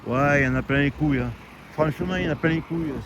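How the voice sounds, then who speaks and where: A man's voice: on the high side, racing, lo-fi sound. A man in his late sixties, a retiree ranting to the camera outdoors on a street, stammering and repeating himself as he complains. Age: 60s. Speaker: retiree vlogger. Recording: outdoor street noise behind.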